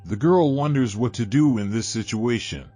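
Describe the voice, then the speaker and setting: A man narrating a scripted horror story with expressive storytelling. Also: mid-range voice, moderate pace. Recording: faint background music. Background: faint music.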